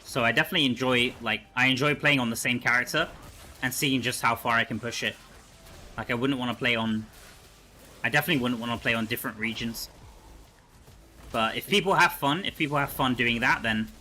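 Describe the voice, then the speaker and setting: Bright-voiced male game streamer. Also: mid-range voice, slight background noise. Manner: thinks aloud while answering chat. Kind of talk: casual livestream chat.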